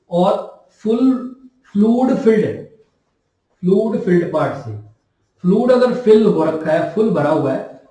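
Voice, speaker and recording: High-voiced male teacher in an echoey room. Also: mellow. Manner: repeats key terms and asks the class questions. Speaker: nursing teacher. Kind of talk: classroom lecture. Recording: very echoey room, mic far off.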